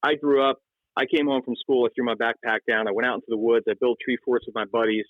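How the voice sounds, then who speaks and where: A man in his forties, a psychiatrist guest in a conversational interview, speaking emphatically and building to lively points. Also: medium pitch, fast, dry recording. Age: 40s. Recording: phone-like line, dry.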